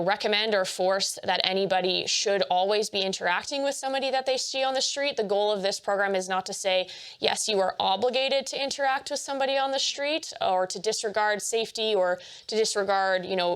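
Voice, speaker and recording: A young woman gives a training presentation at a medium pitch. She talks quickly with frequent fillers and restarts, and her voice carries a gravelly vocal fry. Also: fairly bright tone.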